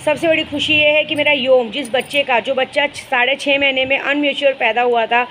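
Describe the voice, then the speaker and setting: High-pitched woman, chatty spiritual guide telling stories to her followers. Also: fairly even intonation, a little fast, fairly bright tone, a little hiss or hum, rough recording. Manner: chatty, storytelling, fond asides. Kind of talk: casual vlog chat to followers.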